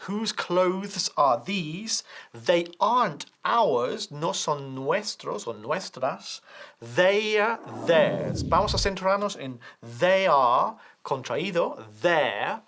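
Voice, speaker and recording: An English teacher speaking very slowly and with a lively, moving pitch. They patiently model each sound and repeat short drills again and again so the learner can copy them. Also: background noise. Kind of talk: bilingual language lesson.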